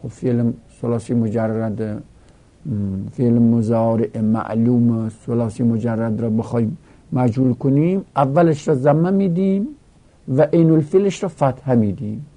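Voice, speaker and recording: A man's voice: mid-range voice, mellow. Guy teaching grammar, chants the conjugation lists over and over, patient explainer. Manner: recites verb conjugations in a rhythmic drill. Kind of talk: Arabic grammar lesson taught in Persian.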